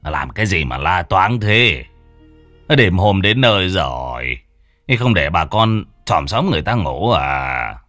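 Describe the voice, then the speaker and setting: A storybook horror reading in which a man voices a short-tempered older village chief. He barks and scolds, swinging widely in pitch. The sound is dry and close. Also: sing-song, slow, no echo, faint music behind, heavily acted. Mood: irritated. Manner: loud, scolding, stammers when startled.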